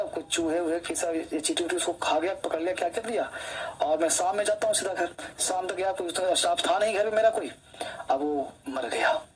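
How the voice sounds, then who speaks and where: A man's voice: sits high, a little hiss or hum, poor audio. A male English teacher giving an online coaching lecture, chatty, who keeps quizzing his students and tells personal stories while he teaches.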